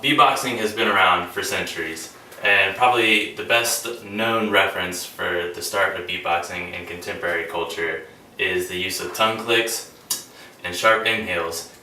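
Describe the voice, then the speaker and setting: In an echoey room, captured by a far-off mic with a faint hiss, a young man with a deep voice and sharp tone talks casually to a class about beatboxing. His instruction is full of ums and restarts.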